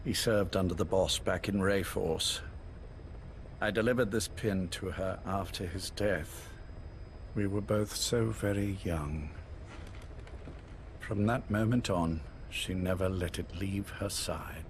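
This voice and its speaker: In dramatic video game voice acting, a man plays an older British army major who is wistful, sombre and reserved, delivering his lines reflectively and with restraint. His voice is low and slow, and the tape-recorded audio carries faint noise.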